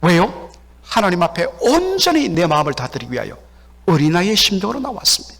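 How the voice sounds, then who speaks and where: A man's voice: sits high, brisk, creaky, breathy edge. A Korean man preaching a sermon as pastor in a church sanctuary, telling stories and acting out the voices of the people in them. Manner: animated storytelling, acts out quoted voices. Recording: long hall reverb.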